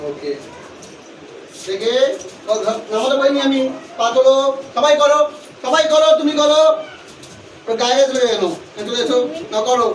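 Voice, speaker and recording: A man's voice: extremely high pitch, normal speed, pauses often. A man who teaches yoga, leading a children's class with short, repeated commands and calls for silence. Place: large indoor school hall. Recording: echoey hall, voice from far off, faint noise.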